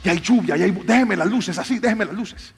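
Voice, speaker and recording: On a stage in a large church hall before an audience, a pastor delivers a theatrical sermon while directing volunteers. His voice is high, creaky and fairly quick. Long hall reverb and faint music fill the recording.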